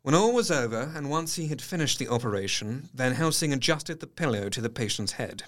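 An actor playing an earnest, observant male doctor narrating his diary in an audio drama, articulate and measured. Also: medium pitch, expressive, close to an everyday voice. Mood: grave, observant. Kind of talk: scripted first-person narration, audio drama.

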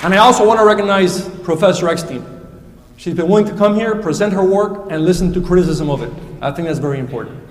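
Man debating in a lecture hall, pointed and academic, high voice, roomy echo. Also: fast, a faint crowd, a little hiss or hum. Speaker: debate speaker. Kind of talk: formal critical debate remarks. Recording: echoey hall, distant mic.

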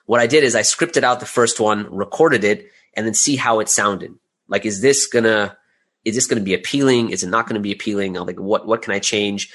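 Slightly fast and a bit bright, a man with a lowish voice speaks as an interview guest. He's a creator going through his process step by step, conversational in tone and posing rhetorical questions along the way.

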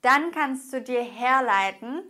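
Woman, Spanish teacher, slow patient explanations, higher voice. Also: animated, sharp tone. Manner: patient, stressing example words slowly. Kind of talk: explaining grammar rules to camera.

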